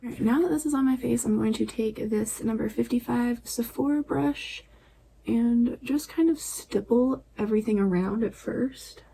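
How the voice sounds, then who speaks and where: A woman chatting casually through a makeup tutorial at home at night, relaxed and chatty, often dropping to a near-whisper. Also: fairly high pitch, normal speed, gravelly, a little hiss or hum, low-quality recording. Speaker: beauty vlogger.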